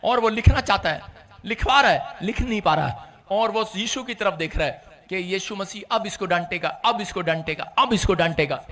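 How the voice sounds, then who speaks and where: Male preacher, very high and bright, animated sermon, shouts then hushes. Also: moderate pace. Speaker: pastor.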